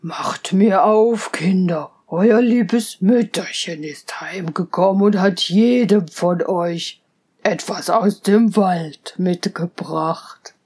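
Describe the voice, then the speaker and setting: A woman doing a sly, low-voiced wolf. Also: a little mellow, husky. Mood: coaxing. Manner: low, drawn-out and coaxing. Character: sly male wolf, a wicked deceiver.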